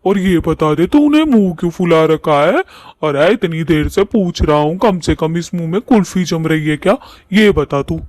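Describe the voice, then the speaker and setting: A henpecked cartoon ghost husband, as a man voices him, pleading in an unusually high voice. He sounds exasperated with his wife. The recording is dry and close. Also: animated, normal speed, darkish tone, no room sound, lightly acted. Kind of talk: cartoon voice acting.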